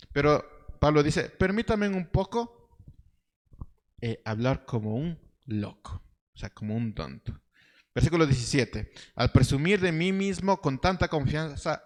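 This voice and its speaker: A man preaching a sermon in an animated, ironic way, reading verses slowly and pitching quoted lines up high. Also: long reverb tail. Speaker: pastor.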